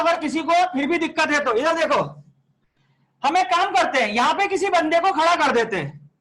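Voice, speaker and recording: A man's voice: very high-pitched, fairly bright tone. A man teaching a chemistry class online, chatty and coaxing, scolding students by name and mixing English terms into his talk.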